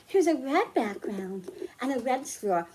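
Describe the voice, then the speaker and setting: A woman with a high-pitched, widely swinging voice leads a read-aloud science storytime and hands-on lesson for little kids, keeping explanations simple and quizzing her audience. She's unhurried and darkish in tone, and there's a slight hiss or hum.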